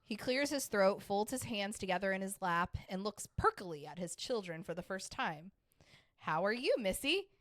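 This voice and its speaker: A woman in a middle-pitched voice reads a story aloud for a podcast, plain and steady, and drops in brief reactions between passages. The voice sounds dry and close to the mic. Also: normal speed, hardly any pauses, no echo. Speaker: podcast co-host. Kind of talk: reading a story aloud with asides.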